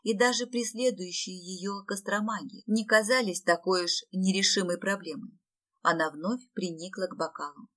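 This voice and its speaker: A woman reading an audiobook aloud in steady, even scripted narration. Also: medium pitch, normal speed.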